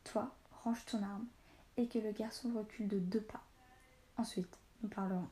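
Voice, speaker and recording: A woman's voice: mid-range voice, fairly even intonation, moderate pace, dark tone, reverberant, slight background noise, natural voice. A woman reading the lines of a confident young female archer in a storybook, assured and commanding. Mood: guarded.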